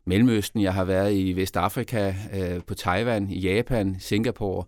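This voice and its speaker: A man's voice: deep voice, steady tone, a little mellow, no room sound, studio quality. A middle-aged man with a Copenhagen Danish accent, a mayoral candidate answering podcast interview questions with many restarts and fillers. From Denmark.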